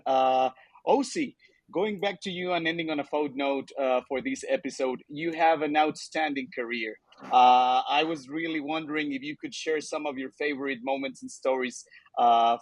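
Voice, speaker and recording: A man's voice: medium pitch, no echo. A man co-hosting a podcast who asks questions in an upbeat, effusively thankful way. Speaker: podcast co-host.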